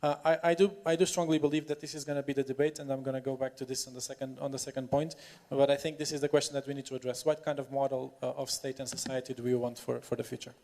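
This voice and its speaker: Halting but emphatic man. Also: medium pitch, flat delivery, a little mellow. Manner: halting, repeats words, emphatic. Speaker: political panel speaker. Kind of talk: semi-improvised conference speech.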